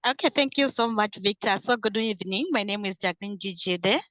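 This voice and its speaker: A woman's voice: mid-range voice, a little fast, a bit bright, no room sound. A woman from Malawi moderating an online panel, polite and using many fillers. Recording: muffled online call audio.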